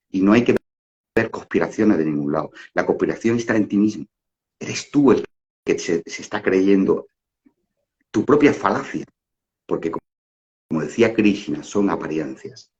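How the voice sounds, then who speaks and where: Low-voiced man musing in lo-fi audio. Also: darkish tone. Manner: rambling, many fillers and restarts, rhetorical "¿no?". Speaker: spiritual talk facilitator. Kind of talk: casual philosophical talk. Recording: dull lo-fi audio.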